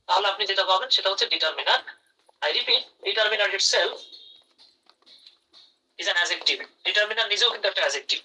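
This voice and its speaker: A man's voice: sits high, sharp tone, distant mic, rough recording. A man teaching English grammar in a live online class, calling on students by name and praising their answers.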